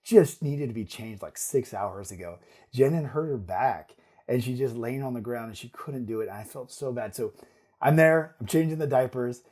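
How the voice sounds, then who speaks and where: A middle-aged man talks through family stories on a podcast, with a mellow, warm tone. His delivery is lively and full of restarts, as if he is thinking aloud while he tells them. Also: medium pitch, moderate pace. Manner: animated storytelling with restarts and laughs. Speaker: guest, surgeon and father. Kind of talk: casual podcast conversation.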